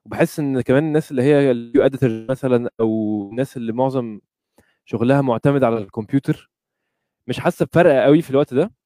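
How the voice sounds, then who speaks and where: A man's voice: mid-range voice, racing, warm tone, dry recording, clean studio sound. A man with an Egyptian Arabic accent chatting casually as a podcast guest, mixing English words into his Arabic. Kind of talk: casual chat.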